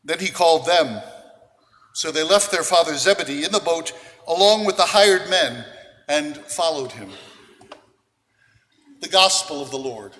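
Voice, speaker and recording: A man serving as priest, reading the gospel and then preaching a homily in a measured, deliberate way with pauses. His voice rings with a long cathedral-like church echo. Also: fairly high pitch, animated, fairly bright tone. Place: large church. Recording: long reverb of a large church.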